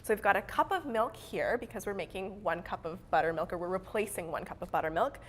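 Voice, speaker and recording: A woman's voice: mid-range voice, lively intonation, fast, fairly bright tone, a little hiss or hum. A woman demonstrating a recipe on a cooking show, upbeat and explanatory, laughing easily. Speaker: dairy expert demonstrating recipes.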